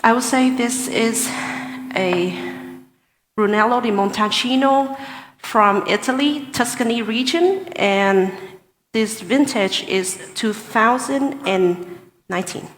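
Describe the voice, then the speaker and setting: A woman giving a formal wine tasting assessment as a competition contestant, deliberate and hesitant, in short phrases with pauses. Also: a little high, slight background noise. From Vietnam. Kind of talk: spoken wine tasting assessment before judges. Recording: echoey hall with long reverb.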